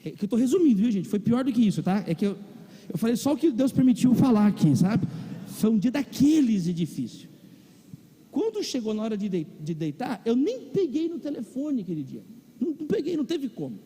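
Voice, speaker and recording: A Brazilian Portuguese-accented pastor addresses his congregation in a large church or auditorium, where long hall reverb trails his words. His very high, warm, husky voice swings widely in pitch and moves a little fast as he recounts a humorous episode from his life in his sermon.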